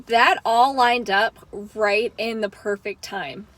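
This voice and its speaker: A woman co-hosting a relaxed podcast chat. Her voice is bright and crisp and sits a little high. She talks eagerly and keeps adding side notes to the story. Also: slow pace, no room sound. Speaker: podcast co-host. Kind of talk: casual chat.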